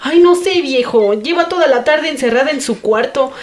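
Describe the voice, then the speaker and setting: A woman's voice: sits high, lively intonation, normal speed. An actress playing a worried, insistent mother who scolds her husband, with a Mexican Spanish accent. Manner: pleading, scolding.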